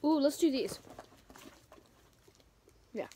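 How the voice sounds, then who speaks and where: A young woman co-hosting a casual snack taste test, soft-spoken and hesitant, with wry little remarks. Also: sits high, lively intonation, slow, a little hiss or hum. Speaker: co-host.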